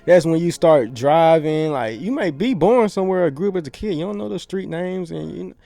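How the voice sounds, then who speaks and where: This Pensacola, Florida man is a podcast guest spinning loose, slangy, meandering stories in relaxed conversation. His voice runs a little high and mellow, expressive and fairly quick, with some vocal fry.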